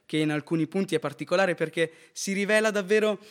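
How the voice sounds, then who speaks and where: A man's voice: high voice, fast. Earnest man reviewing a film. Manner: earnest, with tag questions. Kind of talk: casual film review chat.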